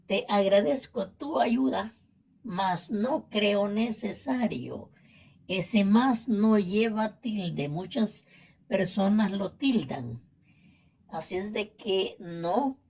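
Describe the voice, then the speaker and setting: A woman from Latin America with a Latin American Spanish accent, teaching a vocabulary and spelling lesson and explaining slowly and carefully with repetitions. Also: mid-range voice, creaky, darkish tone, slightly rough. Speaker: language teacher.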